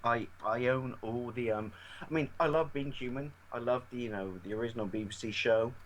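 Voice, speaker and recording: A man's voice: medium pitch, a little fast, a little hiss or hum, rough recording. Enthusiastic British man, casual film chat. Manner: swears freely, gushes with enthusiasm. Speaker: co-host.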